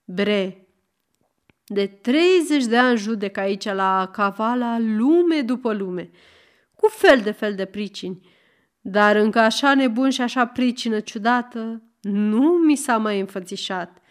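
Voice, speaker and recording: A woman's voice: fairly high pitch, natural voice. Woman doing an exasperated old judge. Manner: shouting, questioning, exasperated. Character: stern weary old male judge.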